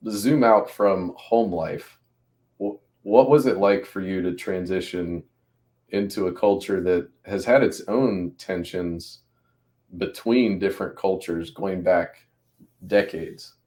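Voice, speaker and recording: A man from the Mid-Atlantic US hosting a podcast, asking questions in a measured, conversational way. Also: deep voice, darkish tone. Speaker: podcast host. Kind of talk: interviewer questions.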